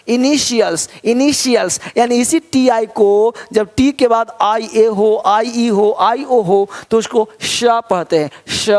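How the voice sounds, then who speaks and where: A man teaching English pronunciation as a lesson, repeating words and contrasting right and wrong sounds while checking his students follow. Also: extremely high pitch. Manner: addresses students directly and checks they follow. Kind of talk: spoken classroom lesson.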